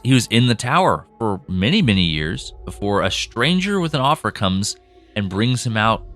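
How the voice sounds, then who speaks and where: A podcast co-host with a lowish, fairly bright voice chats casually behind the scenes about a story's characters. He laughs often and keeps restarting his sentences.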